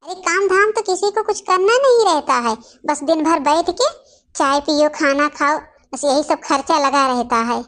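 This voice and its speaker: Woman doing a cartoon daughter-in-law, very high and shrill, loud, sarcastic, scolding, stingy. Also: normal speed. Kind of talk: cartoon family story voice acting.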